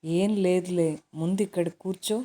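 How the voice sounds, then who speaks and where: A spoiled, headstrong young daughter who has just had a baby, voiced by a woman narrator. She sulks and wheedles in a low, soft-edged tone. The delivery stays close to a storybook reading voice. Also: fairly even intonation, moderate pace, close to an everyday voice. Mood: pouting. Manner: sulky, wheedling. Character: headstrong pampered young woman, new mother.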